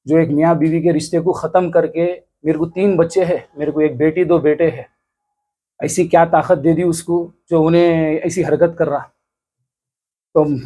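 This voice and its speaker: A man in his thirties with a Hyderabadi accent, giving an earnest, halting news interview. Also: fairly high pitch, mellow. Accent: Hyderabadi Hindi. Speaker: interviewee, complainant. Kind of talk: news interview, recounting an attack.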